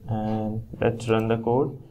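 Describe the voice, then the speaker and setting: In a screen-recorded programming lesson, a young tutor talks slowly in a fairly low voice, with a little hiss or hum in the background. He explains every step plainly and makes occasional small self-corrections along the way.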